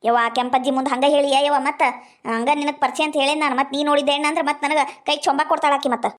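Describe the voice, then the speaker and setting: A woman with a high voice performs village comedy dialogue in a North Karnataka Kannada accent. Her delivery is lively and full of scolding banter. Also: racing.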